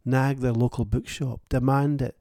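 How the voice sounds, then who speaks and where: Gravelly man, wry monologue. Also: mid-range voice, flat delivery, moderate pace, mellow, no echo, clean studio sound. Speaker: author and podcast host. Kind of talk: reflective solo monologue.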